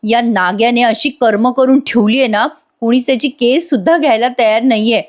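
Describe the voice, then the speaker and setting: A woman's voice: fairly high pitch, a little fast, lightly acted. A woman reading as an exasperated young woman. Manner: exasperated, muttering to herself. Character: frustrated young woman seeking a lawyer. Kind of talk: recap voice-over reading of a soap scene.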